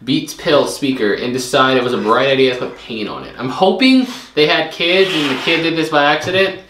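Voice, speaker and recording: This co-host has a somewhat high, slightly bright voice and talks a little fast. He's casually reviewing storage unit finds, throwing out resale price guesses and restarting a few times. The audio carries room echo and faint noise.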